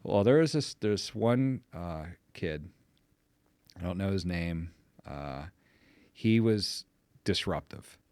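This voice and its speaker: A middle-aged man from the Pittsburgh area telling family stories in a casual chat, animated when amused. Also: low voice, slow pace, long pauses, smooth, no room sound. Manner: animated anecdote teller, voice jumps up when amused. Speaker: podcast guest.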